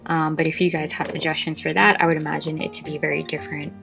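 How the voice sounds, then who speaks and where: Casual vlog host, female, low register with vocal fry, short of breath, chatty and meandering, soft guitar underneath. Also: flat delivery, fast. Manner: chatty and informal, meandering with asides. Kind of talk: casual chat showing a craft collection.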